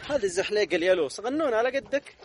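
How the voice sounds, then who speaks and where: Lively fast-talking man with a Gulf accent. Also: sits high, a crowd in the background. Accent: Gulf Arabic. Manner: playful, coaxing, animated. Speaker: vlogger. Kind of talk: casual talk to small children. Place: outdoor playground by a hill.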